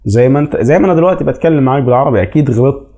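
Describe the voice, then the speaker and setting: A man's voice: medium pitch, lively intonation, rapid-fire, mellow. A man with an Egyptian Arabic accent giving chatty, reassuring advice as an English teacher in a casual explainer video.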